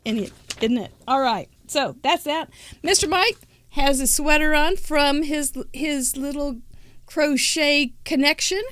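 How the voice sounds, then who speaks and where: A high-pitched woman hosts a live crafting show with chatty, upbeat banter and frequent laughter. Her voice sits close and dry on the mic, with no room sound around it. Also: dry recording. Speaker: host.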